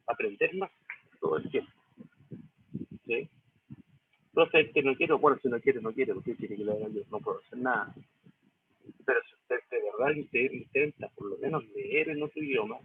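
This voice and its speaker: A man's voice: mid-range voice, husky. A male English teacher with a Chilean accent explains a reading step by step, often checking with "¿sí?" and "¿cierto?". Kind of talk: recorded lesson walking through a reading. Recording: tinny phone-like lo-fi audio.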